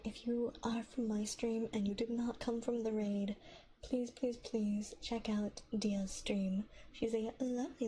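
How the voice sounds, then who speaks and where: A woman hosting a soft-spoken livestream from her apartment on a binaural mic, talking smoothly and quietly, often in a whisper, and chatting in a rambling way. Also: fairly high pitch, a little hiss or hum, rough recording. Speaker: ASMR livestream host. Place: home apartment. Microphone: binaural dummy-head mic.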